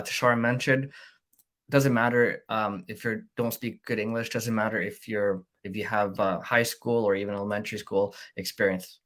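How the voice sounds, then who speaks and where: Man, online panel host, upbeat salesy reassurance, casual. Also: fairly low pitch. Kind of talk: casual live panel talk.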